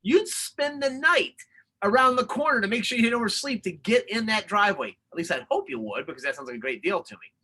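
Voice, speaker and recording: A man hosting an online talk, breaking in with takeaways and rhetorical questions in an energetic, preachy way. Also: sits high, a little fast, slightly rough. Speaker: host. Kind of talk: webinar talk, interjecting takeaways.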